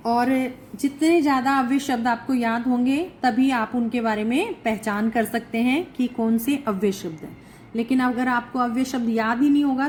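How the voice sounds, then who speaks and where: A woman's voice: fairly high pitch, a little hiss or hum, low-quality recording. A woman teacher giving a recorded lesson, reading each phrase aloud and then translating and explaining it. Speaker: Sanskrit teacher.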